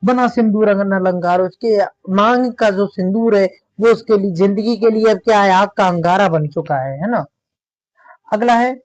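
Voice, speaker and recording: A man teaching a Hindi grammar lesson who recites verses slowly and then explains them in a casual way, checking in with listeners often. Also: high-pitched, darkish tone, dry recording. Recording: dull, dry lo-fi sound.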